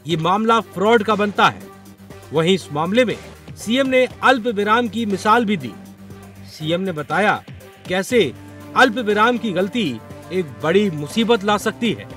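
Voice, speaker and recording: A man's voice: sits high, expressive, unhurried, fairly bright tone, soft background music. A man reading a scripted news report in a formal, reportorial way.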